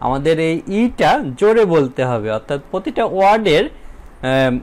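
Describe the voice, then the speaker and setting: A man with a Bangladeshi accent teaching a children's English lesson, explaining patiently and drawing out English phrases slowly. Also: sits high, a little mellow.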